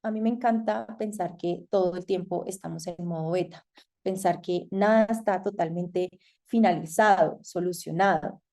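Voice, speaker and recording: Colombian woman lecturer, soft mellow tone, measured and hesitant delivery, frequent pauses. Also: lowish voice. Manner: thoughtful, hesitant with frequent fillers. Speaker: masterclass lecturer. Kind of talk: online lecture.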